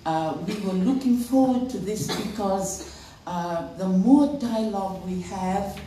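A woman giving formal panel remarks, slow and halting, with many fillers. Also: medium pitch, animated, dark tone. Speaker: panel speaker for a women's NGO. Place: event hall. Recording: echoey hall, distant mic, faint noise.

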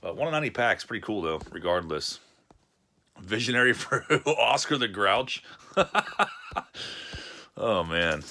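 A man's voice: lowish voice, sing-song, measured pace, pauses often, pushed and bright. A man, casually chatting with a live-stream chat while opening card packs at a home desk. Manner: chatty, reads chat messages aloud with laughs.

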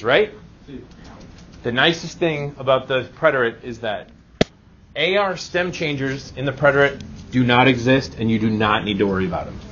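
A Spanish teacher with a slightly high, fairly bright voice walks his class through a grammar lesson. His manner is casual and reassuring, and he keeps checking in with short rhetorical questions. The lo-fi recording sounds dull and carries clear background noise.

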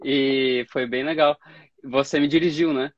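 A man in his thirties from Campinas, Brazil, hosts a casual interview over a video call from a small room at home. His medium-pitched voice is steady and unhurried as he chats, tells stories, and laughs easily. The webcam audio is dry, with no echo and the highs cut off.

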